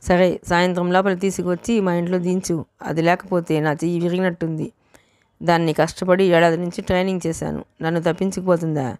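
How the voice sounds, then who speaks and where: A woman's voice: lowish voice, level tone, a little fast, a little mellow, no echo, close to an everyday voice. Woman doing a harsh, cruel mistress in a storybook. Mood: scolding. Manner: scolding, threatening. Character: harsh, cruel woman who exploits orphans.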